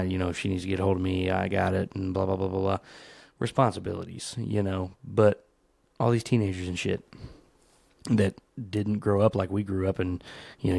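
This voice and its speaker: Gravelly low-voiced man ranting. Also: no echo. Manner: profane, rambling comic ranting; animated storytelling, leaps into higher voices for quotes. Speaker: podcast host. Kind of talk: solo podcast rant.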